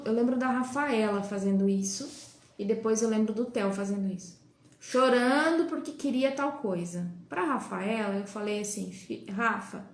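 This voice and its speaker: A woman with a Brazilian Portuguese accent hosting a live talk, chatting with viewers and asking many rhetorical questions. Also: on the high side. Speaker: host of a live talk on child development. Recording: roomy echo.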